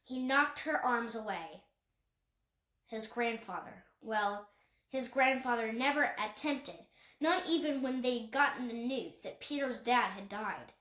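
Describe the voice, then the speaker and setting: A woman with a high, slightly bright voice reads a children's novel aloud as an audiobook narrator, keeping a measured pace. She occasionally stumbles and corrects herself. The room is untreated and echoey.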